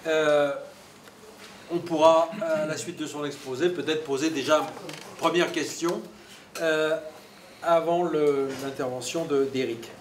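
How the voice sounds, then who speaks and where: A man's voice: fairly high pitch, steady tone, unhurried. A man hosting an academic event, introducing speakers in hesitant, broken-up phrases. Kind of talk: semi-improvised academic introduction. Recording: echoey room, distant mic, faint noise.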